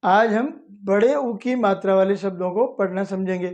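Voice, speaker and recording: A man teaching children to read Hindi, spelling out each syllable slowly and repeating it, with a Hindi accent. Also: high-pitched, darkish tone. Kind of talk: slow instructional lesson. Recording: dull lo-fi audio.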